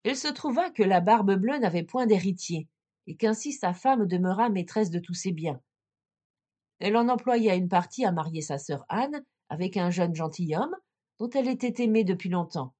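A woman storyteller reading a classic fairy tale in a measured, expressive way. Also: medium pitch.

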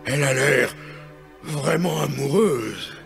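A man playing a grave, tender merman king in a children's audio story, measured and musing. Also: medium pitch, gravelly, a bit bright, faint music behind.

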